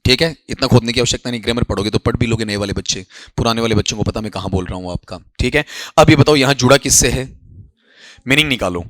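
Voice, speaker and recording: A man's voice: mid-range voice, a bit bright, no echo, studio quality. A man teaching an exam-prep lesson in Hindi mixed with English, coaxing his students and addressing them fondly as children. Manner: coaxing, addresses students as beta, repeats "theek hai".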